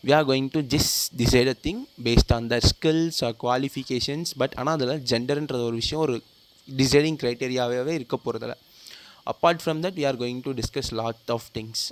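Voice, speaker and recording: Earnest young man with a Tamil accent. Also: medium pitch. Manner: earnest, mixes English into speech, asks viewers direct questions. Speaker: video host. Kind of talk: opinion talk to camera.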